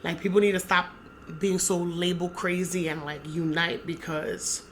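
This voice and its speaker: A woman's voice: fairly low pitch, moderate pace, slight background noise. A young woman, co-hosting a podcast in a casual, profane, emphatic chat. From Dominican-American, raised in the United States. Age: young adult. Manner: animated, profane, talks with emphasis and repeats herself. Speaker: podcast co-host.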